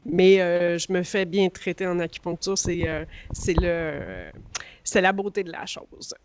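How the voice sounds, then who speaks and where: A woman's voice: on the low side, a little slow, background noise. A woman with a Quebec French accent and a slightly grating, allergy-scratched voice, speaking as a guest at a conference. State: voice strained by allergies. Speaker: guest speaker, director of a workforce organisation. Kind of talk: conference talk.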